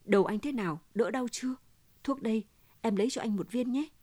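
A woman's voice: a little high, fairly quick, warm tone, dry recording, lightly acted. A woman voicing a distraught wife who keeps pressing her husband for the truth, in an insistent, pleading manner.

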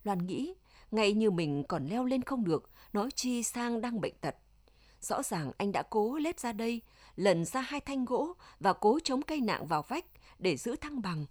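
A woman's voice: on the high side, expressive, measured pace, darkish tone. Woman narrating an audiobook.

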